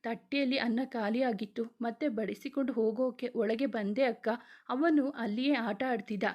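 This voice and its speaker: A woman's voice: fairly high pitch, normal speed, lo-fi sound, close to an everyday voice. A woman voicing a timid young daughter-in-law nervously explaining herself.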